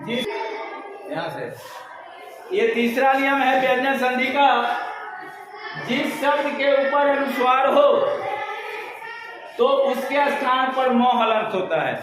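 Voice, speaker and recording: A man teaching a Hindi grammar lesson at a board, slowly, asking the class questions and answering them himself. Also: very high voice, animated. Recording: very echoey room with clear background noise.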